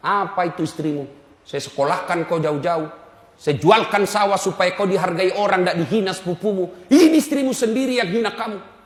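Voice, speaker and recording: A preacher acting out a resentful village mother-in-law who complains and then shouts at her son. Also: high voice, brisk, natural voice. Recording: echoey hall reverb.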